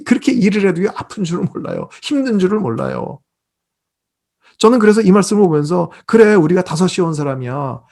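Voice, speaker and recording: A male pastor gives an online Bible lecture over a video call, with a gravelly, slightly high voice. He tells his stories in an animated way and acts out each character as he goes.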